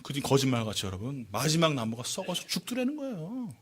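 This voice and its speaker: A male pastor preaching a lively, joking sermon in church, often calling out questions to the congregation. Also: mid-range voice, fast talker, husky. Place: church sanctuary.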